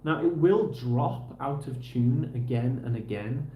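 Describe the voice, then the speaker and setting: A man with a mellow, mid-range voice speaks at a measured pace, casually chatting to his livestream viewers and to himself as he fixes a guitar in a tutorial style. He comes across as easygoing, and the recording has a roomy echo with faint background noise.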